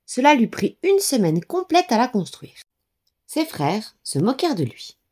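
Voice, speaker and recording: A woman narrating a children's story in a lively, expressive reading voice. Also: fairly high pitch, measured pace, breathy edge.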